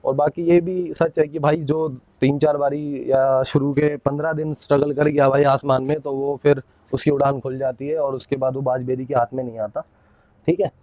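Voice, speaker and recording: A man showing his pigeons to the camera in a casual, chatty way, often tagging his sentences with a quick "okay?". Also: mid-range voice, flat delivery, dark tone, no echo, highs cut off. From India. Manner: chatty, keeps saying "bhai" and "theek hai". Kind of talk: casual hands-on show-and-tell.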